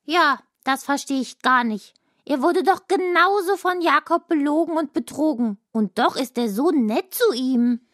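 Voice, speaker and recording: A woman's voice: sits high, unhurried, a bit bright, no room sound, clean studio sound. A woman voicing a young, stubborn woodworm boy in a children's audio drama, sulky and defiant. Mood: thoughtful.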